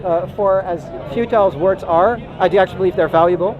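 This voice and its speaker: Halting, higher-voiced man talking outdoors. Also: phone-quality sound. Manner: halting, searching for words, repeats phrases. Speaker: participant in a street debate. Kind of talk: informal philosophical discussion. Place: outdoors in a busy public park. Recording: outdoor street recording with crowd chatter. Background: crowd chatter.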